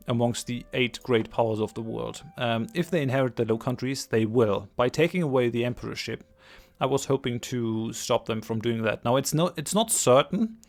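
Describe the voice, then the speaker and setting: A man with a congested, stuffy-nosed voice from a cold, giving let's play commentary as host, hesitant and repeating phrases for emphasis. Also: medium pitch. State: has a cold. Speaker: gaming channel host.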